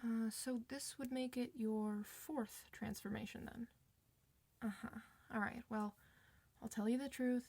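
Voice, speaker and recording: In an informal, one-sided ASMR roleplay, a woman plays a friendly doctor for werewolves, sounding calm and reassuring with hesitant pauses. Her voice is a little high, mellow, and fairly even in intonation, with no echo.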